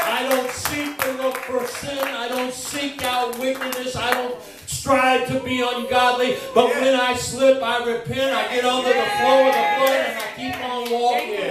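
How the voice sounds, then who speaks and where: A man preaching a sermon with humor, shifting from quiet musing to raised, emphatic delivery. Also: extremely high pitch, very noisy. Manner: humorous, swings from quiet to loud. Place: church. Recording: echoey church from far off. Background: congregation responding.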